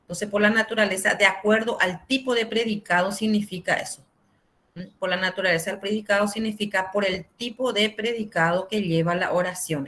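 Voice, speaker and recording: A woman's voice: medium pitch, fairly bright tone. A woman teaching a grammar class over a video call, explaining patiently with simple examples and frequent fillers. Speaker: Spanish teacher.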